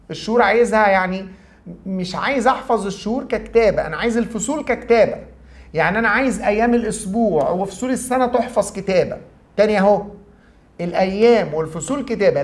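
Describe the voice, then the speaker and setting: A middle-aged man with an Egyptian Arabic accent, teaching German in a brisk, chatty classroom video lecture where he asks and answers his own questions. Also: high-pitched.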